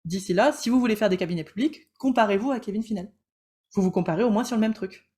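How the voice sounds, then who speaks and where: In a relaxed live teaching stream, a woman coach kids around with her viewers and calls on them by name. Her speech is fast and choppy with constant restarts, pitched mid-range and mellow.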